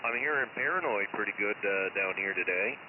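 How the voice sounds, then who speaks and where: Male radio operator in easygoing CB chat, phone-thin signal with clear hiss. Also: lowish voice, lively intonation, a little fast, phone-quality sound. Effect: CB radio transmission.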